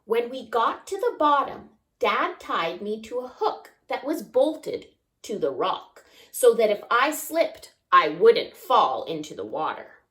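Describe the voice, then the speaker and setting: Her voice sits on the high side and she reads slowly, a story time reader presenting a picture book to young children. She's expressive, sounding out noises and pausing for asides and questions aimed at the kids.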